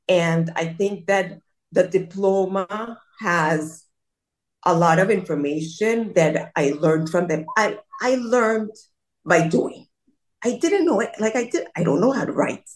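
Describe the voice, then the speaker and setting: Over a video call, a middle-aged woman from Colombia with a voice on the low side recounts her life story as an interview guest. She rambles casually, restarting frequently and adding self-deprecating remarks.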